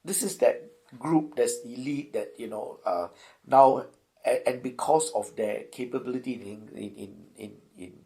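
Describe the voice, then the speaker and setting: Middle-aged Singaporean lecturer, gravelly and relaxed, interview answers with lots of restarts. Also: male voice, medium pitch, measured pace. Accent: Singaporean English. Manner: thoughtful, many restarts and rhetorical "right?".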